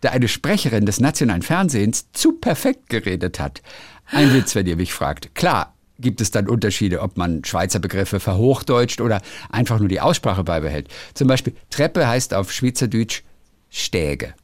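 Lively German radio host man. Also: fairly low pitch, moderate pace, dry recording, studio quality. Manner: lively, reads aloud with playful emphasis. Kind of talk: casual phone chat, reading a listener letter.

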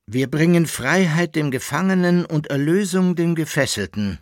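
A man's voice: lowish voice, sing-song, a little slow, a bit bright, no echo, studio quality, full character voice. A man voicing a solemn elder proclaiming blessings in a storybook reading. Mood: jubilant. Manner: ceremonial, declaiming.

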